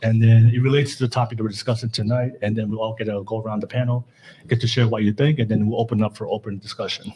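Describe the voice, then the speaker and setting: A man's voice: lowish voice, little pitch movement, fast talker, dark tone. A man hosting a live panel podcast, talking upbeat and straight to his live chat viewers. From California. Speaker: podcast host.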